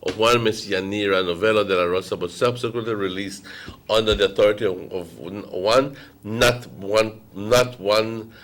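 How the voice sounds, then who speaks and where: A man's voice: fairly low pitch, steady tone, moderate pace, a bit bright. Belizean man, emphatic political talk host. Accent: Belizean Creole. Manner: indignant, emphatic, repeats phrases for stress. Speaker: morning show host. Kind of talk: impassioned political talk, commentary.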